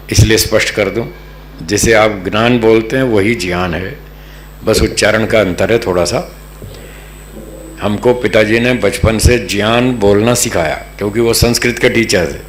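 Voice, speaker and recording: A man from North India teaching a patient, slow scripture lesson to a live group, often checking that they follow. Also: on the low side. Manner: patient, checks understanding with the audience. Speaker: religious teacher. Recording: echoey room, faint hum.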